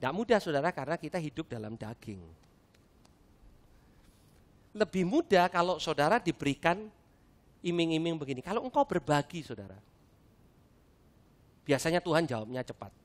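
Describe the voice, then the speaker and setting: A middle-aged man, preaching a lively sermon at a church service and acting out the dialogue in his stories. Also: fairly high pitch, normal speed, long pauses. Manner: animated storytelling with acted-out dialogue. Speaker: pastor.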